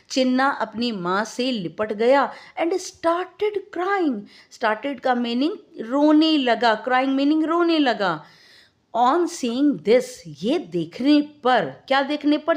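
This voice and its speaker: A woman teacher with an Indian accent reads each English line slowly and then explains it word by word. Her voice sits fairly high and moves up and down a lot. She keeps asking simple questions and answering them, speaking like a patient tutor. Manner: calls the listener "beta" affectionately. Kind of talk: bilingual English lesson explained in Hindi.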